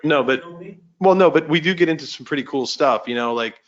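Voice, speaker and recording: A man's voice: fairly high pitch, a little fast, dull audio. A man moderating a casual meeting discussion, chatty with many fillers and restarts.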